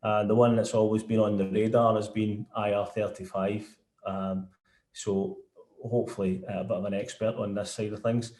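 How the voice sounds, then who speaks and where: A man's voice: on the low side, little pitch movement, normal speed, a little mellow, roomy sound. A man with a broad Glaswegian Scottish accent giving an informal webinar presentation as a guest speaker. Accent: broad Scottish, Glasgow. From Scotland. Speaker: guest speaker, sales director.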